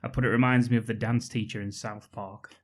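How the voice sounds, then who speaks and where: A man's voice: on the low side, flat delivery, a little fast. Jokey man, casual podcast chat. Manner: loose, jokey and crude. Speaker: podcast co-host.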